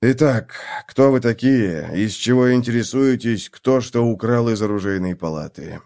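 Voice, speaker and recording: A man's voice: mid-range voice, lively intonation, moderate pace, dark tone, natural voice. Tired, placating middle-aged sergeant voiced by a man. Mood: weary. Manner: sighing, placating. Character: weary broad-shouldered middle-aged male city sergeant.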